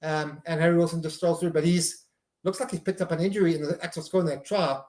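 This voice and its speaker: A man's voice: on the high side, steady tone, fast, darkish tone, echoey room. A man hosting a live stream, giving casual running commentary on a match and reacting to each play.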